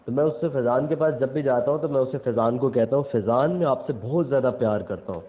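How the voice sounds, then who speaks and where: Young man teaching over tinny phone-like audio. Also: medium pitch. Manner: explains step by step, punctuating points with frequent check-ins. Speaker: self-improvement speaker. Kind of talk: casual instructional talk.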